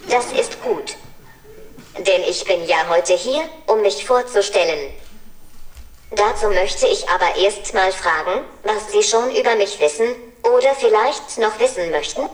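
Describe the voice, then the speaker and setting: A chirpy, cheerful robot talks in a synthetic woman's voice, polite and upbeat as a library guide. The voice sounds a little distant and rings in a roomy space. It has a middling pitch for a woman. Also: lively intonation, a little slow. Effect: synthetic text-to-speech voice. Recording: echoey room, voice from a distance.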